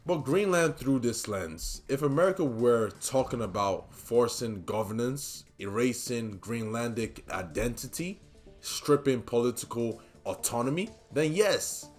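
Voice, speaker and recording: A man's voice: medium pitch, animated, measured pace, darkish tone, faint music behind. Emphatic man hosting solo commentary. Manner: emphatic, repeats key points for stress; casual asides to the listener. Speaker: podcast host.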